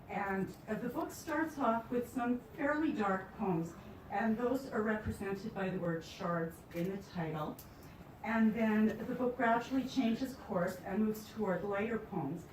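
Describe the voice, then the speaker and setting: A woman's voice: mid-range voice, darkish tone, a little hiss or hum. A woman poet from Canada, chatting with a live audience and telling stories with light humor before reading her work. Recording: echoey room, distant mic, faint ambience.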